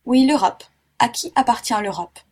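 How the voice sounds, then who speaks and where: Husky-voiced excitable French geographer, theatrical outbursts; woman reader. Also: a little high, moderate pace, voice pushed up. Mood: excited. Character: excitable middle-aged male French geographer.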